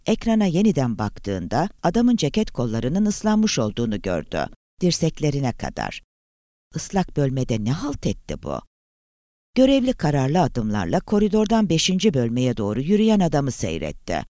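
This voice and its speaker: A man narrating a thriller audiobook with a dramatic, expressive reading. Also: medium pitch, normal speed, no echo, clean studio sound. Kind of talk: scripted narration.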